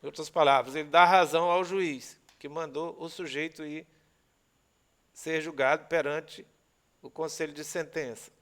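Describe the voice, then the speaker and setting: A man's voice: a little high, steady tone, normal speed, a bit bright. A man with a Brazilian accent giving a recorded law lecture, explaining step by step and checking in with students often. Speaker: law teacher.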